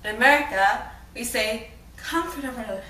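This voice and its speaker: A woman acts out a pronunciation coach with a high, bright voice. She spells out every syllable slowly and deliberately, and her voice rings in a roomy, echoey space. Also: expressive, a little hiss or hum, full character voice. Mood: instructive. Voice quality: slow, deliberate, exaggerated enunciation. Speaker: accent teacher in a clip. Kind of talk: scripted accent demonstration. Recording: roomy echo.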